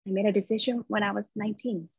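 Guest, woman, 20s, from Thailand, upbeat and talkative; middle pitch, slightly muffled dry recording. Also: fairly even intonation, fast, breathy edge, no room sound. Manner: chatty and upbeat, laughs between stories. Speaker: podcast guest. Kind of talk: casual interview chat. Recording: slightly dull dry sound.

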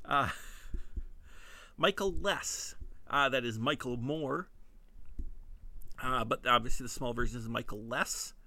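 A man's voice: mid-range voice, gravelly, bright, forceful tone. A man with a Midwestern accent, hosting a podcast and telling a casual comedic monologue, often breaking into giggles at his own puns. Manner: giggly, self-amused punning. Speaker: podcast host.

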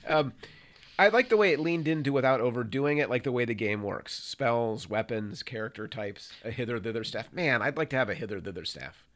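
A man's voice: mid-range voice, a little fast, fairly bright tone. A man co-hosting a casual film review podcast, teasing his partner and laughing often. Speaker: podcast co-host.

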